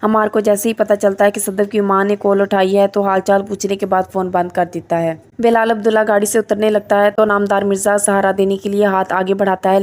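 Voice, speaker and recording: Here a woman walks through a drama episode scene by scene, speaking in a mid-range voice that barely rises or falls. She keeps an even, steady delivery as she reads the characters' lines aloud within the recap. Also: mid-range voice. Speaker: drama reviewer.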